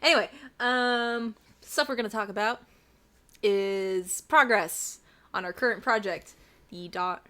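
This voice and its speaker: A woman co-hosting a casual podcast, chatting and teasing, with soft R's that come out like w. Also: mid-range voice, a little slow. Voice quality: trouble pronouncing R, says w for r. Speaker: podcast co-host.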